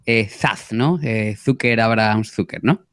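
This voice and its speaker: A man chatting casually on a podcast, halting and repeating words as he goes. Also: fairly low pitch, a bit bright, no echo. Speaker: podcast contributor. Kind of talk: casual chat.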